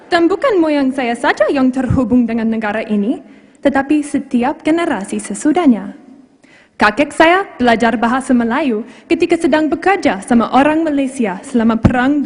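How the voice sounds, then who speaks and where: A young woman, a native English speaker with an Australian accent, gives a formal prepared speech in Indonesian as a foreigner, with deliberate, emphatic phrasing. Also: high voice. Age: young adult. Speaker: contestant in a public speaking competition. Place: large hall, speaking to an audience. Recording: long hall reverb.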